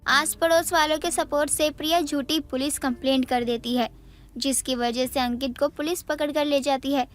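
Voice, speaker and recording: A woman with a high voice narrates a storybook tale. She tells it evenly and plainly. Soft music plays behind her. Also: steady tone, moderate pace.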